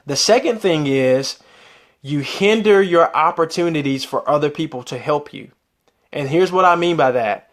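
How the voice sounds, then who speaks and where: A man giving an explanatory, conversational motivational talk, repeating phrases for emphasis and putting rhetorical questions to the listener. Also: fairly high pitch. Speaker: motivational speaker.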